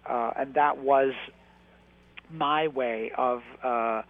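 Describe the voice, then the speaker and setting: A man, an actor and writer, talking as a guest in a casual radio interview, halting, with many restarts and fillers. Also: medium pitch. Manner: halting, many restarts and fillers, animated when telling stories. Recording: tinny phone-like radio line.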